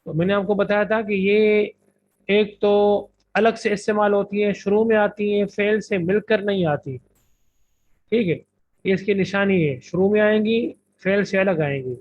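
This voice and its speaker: Male grammar teacher, Urdu accent, high voice, drills lists slowly; tinny lo-fi lecture recording. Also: steady tone, darkish tone. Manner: methodical, drills word lists slowly with translations. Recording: tinny phone-like lo-fi audio.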